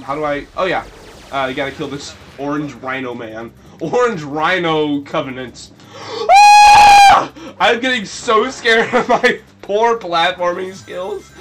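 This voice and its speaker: A man giving casual, goofy gameplay commentary, rambling and breaking into sudden shrill yelps. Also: a little slow, a bit bright. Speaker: let's play commentator.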